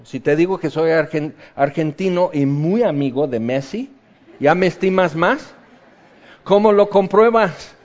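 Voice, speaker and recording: American-accented man preaching with lively acted asides. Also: fairly high pitch, measured pace, highs cut off. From United States. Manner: animated, acts out imagined voices and questions. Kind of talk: sermon.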